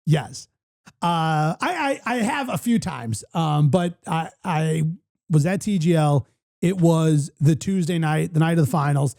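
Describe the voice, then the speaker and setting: A man's voice: fairly high pitch, unhurried, creaky. A man hosting a casual podcast chat, telling stories with lots of energy and acting out the voices of other people. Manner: animated storyteller, acts out voices. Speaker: podcast host.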